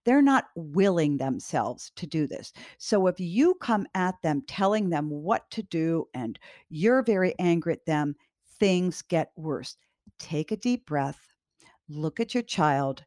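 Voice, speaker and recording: A woman host giving parenting advice directly to parents, calm, firm and reassuring. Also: sits low, slow, dry recording, clean studio sound.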